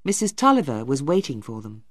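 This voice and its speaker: A woman narrating a storybook slowly and clearly. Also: a bass voice, no room sound, studio quality. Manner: slow, even, carefully clear. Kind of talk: scripted audiobook narration.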